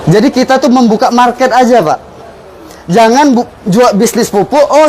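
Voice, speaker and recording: A man giving an informal motivational business pitch, persuasively explaining and punctuating his points with rhetorical questions. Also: a little mellow, poor audio. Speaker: business presenter explaining a fertilizer sales strategy.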